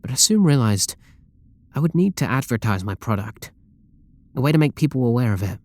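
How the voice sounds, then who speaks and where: This British man, animated and fairly quick, has a medium-pitched, slightly mellow voice, lightly acted and free of room sound. He plays a doting, controlling game developer, obsessive, possessive and lovestruck, in an intimate roleplay audio drama. His tone is fervent and confiding, with pleading endearments.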